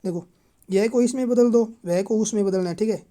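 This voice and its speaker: Mellow-voiced woman teaching grammar. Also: medium pitch, fairly quick. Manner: repeats "ठीक है" and "इतना याद रखना है" as fillers; chants word forms in lists. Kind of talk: exam-prep grammar lesson.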